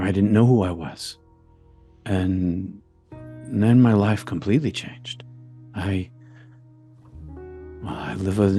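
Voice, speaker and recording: Low-ish guy telling his story, keeps stumbling and repeating, faint music behind. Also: warm tone. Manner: halting, repeats words. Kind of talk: personal testimony.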